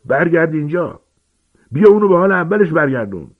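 A man's voice: fairly high pitch, sing-song, pitched above the performer's own voice. A man voicing a bullying, red-faced middle-aged uncle who barks angry orders. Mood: frantic. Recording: tinny phone-like sound.

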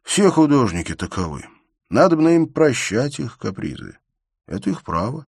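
A man's voice: medium pitch, big pitch swings, vocal fry, a little mellow, husky, no room sound, studio quality, pitched above the performer's own voice, full character voice. A man doing a shy, lisping young scholar. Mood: earnest. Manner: slow, slight lisp, earnest. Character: shy young male scholar, slow and earnest.

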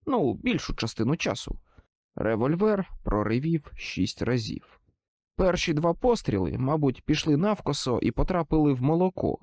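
Brief: male audiobook narrator, dramatic, lively pitch, dry close mic. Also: normal speed, no echo. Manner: expressive, dramatic storytelling. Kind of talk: first-person audiobook narration.

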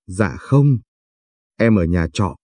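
A man's voice: lowish voice, animated, slow pace, dry recording. Man reading as a timid, sweet young woman. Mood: shy, teasing. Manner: soft, timid and polite.

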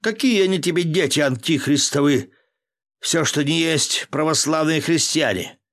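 Male reader playing a hot-headed governor, shouting high and loud. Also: big pitch swings, measured pace, husky, dry recording, studio quality, exaggerated voice. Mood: furious shouting. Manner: shouting, blustering threats. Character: quick-tempered male military governor, middle-aged, blunt.

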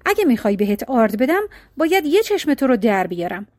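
A woman's voice: on the high side, big pitch swings, darkish tone, no echo. A woman voicing a cruel, greedy rich man who coldly refuses his brother.

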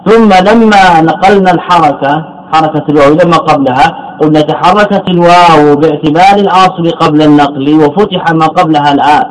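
A man's voice: on the high side, rough recording. Man giving a classical Arabic grammar lecture. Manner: repeats key phrases, asks and answers his own questions. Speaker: Islamic scholar teaching Arabic morphology. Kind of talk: classical lecture explaining a text.

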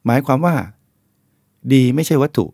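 Monk reading an essay, dry and close. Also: male voice, moderate pace, darkish tone, dry recording. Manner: plain, explanatory, addresses listeners directly. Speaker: Buddhist monk reading a book aloud.

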